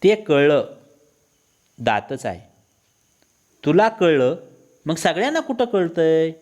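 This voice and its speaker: A man's voice: on the high side, very animated, moderate pace, darkish tone, slightly rough, voice pushed up. A male teacher voicing an exasperated wife who nags her husband in a raised, reproachful tone. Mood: scolding. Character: exasperated scolding middle-aged wife.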